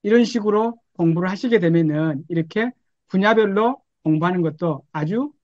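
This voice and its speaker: A man's voice: high voice, moderate pace, a little mellow, dry recording. A man teaching an online class over a video call, chatty, often acting out the prompts he types to an AI. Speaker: professor giving an online lecture. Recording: dull, dry video call audio.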